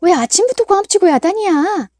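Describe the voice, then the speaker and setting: A woman's voice: medium pitch, expressive, normal speed, dry recording, clean studio sound, natural voice. A woman voicing an exasperated mother who scolds her son. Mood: scolding. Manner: sharp, raised scolding.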